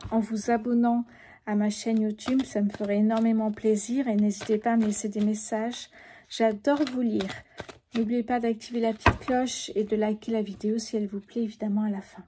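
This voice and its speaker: Soft-spoken woman with a sore throat. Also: on the high side, background noise. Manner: speaks softly, sometimes whispering. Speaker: tarot card reader. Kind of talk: tarot reading video.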